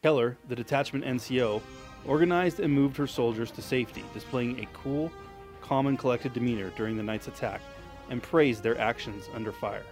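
A man's voice: mid-range voice, brisk. Male feature reporter over prominent music. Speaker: military public affairs reporter. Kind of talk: scripted news feature narration.

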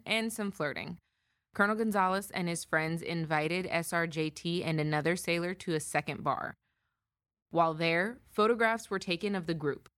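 American female legal presenter, lower-pitched, scripted case summary, dry close recording. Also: a bit bright, dry recording. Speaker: podcast co-presenter, military lawyer.

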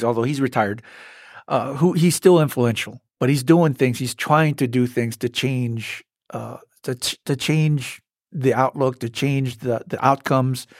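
A man hosting a podcast interview, speaking haltingly with many restarts and fillers. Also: mid-range voice, darkish tone, dry recording, clean studio sound. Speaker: podcast host, journal staff.

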